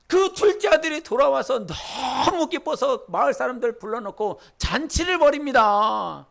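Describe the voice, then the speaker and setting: A man's voice: very high-pitched, very animated, normal speed, creaky, a bit bright. A man preaching a sermon as pastor, leading the congregation in scripture reading and building to fervent exhortation. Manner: leads congregation in Bible reading.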